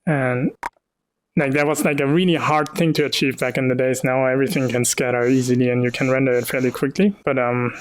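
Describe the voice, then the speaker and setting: This Hamburg artist, lightly North German in accent, hosts a live stream, talking through his animation work in a relaxed way, laughing a lot and explaining patiently. His medium-pitched voice is steady and brisk, and the recording is rough.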